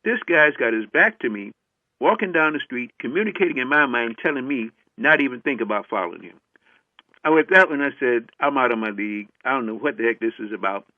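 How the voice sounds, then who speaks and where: A man's voice: mid-range voice, animated, brisk, no echo. An older man telling a personal story as a lecturer, acting out the dialogue he remembers with many "I said" asides. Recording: tinny phone-like dry recording.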